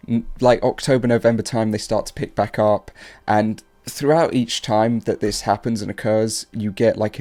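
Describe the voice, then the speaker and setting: Host type: sick man, low and mellow, gravelly, loose rambling commentary. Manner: rambling, filler-heavy. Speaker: card market channel host. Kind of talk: casual market commentary.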